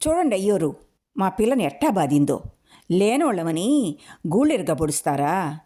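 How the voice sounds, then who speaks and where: A woman reading aloud, voicing a loud-mouthed, quarrelsome poor village woman who complains and wails. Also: on the low side, sing-song, normal speed. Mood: loud complaining. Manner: wailing, complaining loudly.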